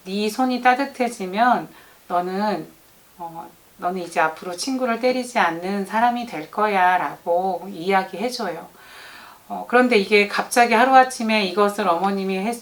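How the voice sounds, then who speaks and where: A middle-aged woman, an early childhood teacher, giving parenting advice in a gentle tone and speaking straight to mothers. She acts out what children and teachers say. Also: medium pitch.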